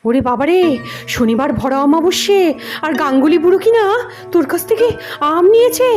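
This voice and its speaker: A woman playing a shrill, panicky old mother. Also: sing-song, a little slow, faint music behind. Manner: loud, shrill, fussing, repeating words. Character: anxious old mother, panicky, wailing, doting.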